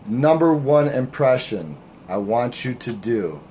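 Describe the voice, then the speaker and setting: Slow, animated man trash-talking. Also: medium pitch, slight background noise. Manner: joking, profane, playful trash talk. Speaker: podcast host. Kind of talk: casual crude banter.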